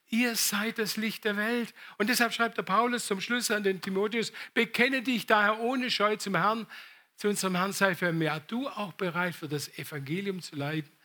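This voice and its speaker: A man's voice: sits high, bright, forceful tone. A middle-aged man preaching a sermon, telling personal stories and asking the congregation rhetorical questions.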